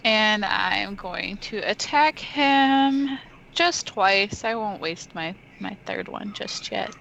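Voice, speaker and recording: A woman's voice: medium pitch, lively intonation, slow pace, vocal fry, a bit bright, highs cut off. A woman playing a tabletop role-playing game over a voice call, chatting casually as she announces her moves. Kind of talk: casual chat during a game. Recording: faint background noise.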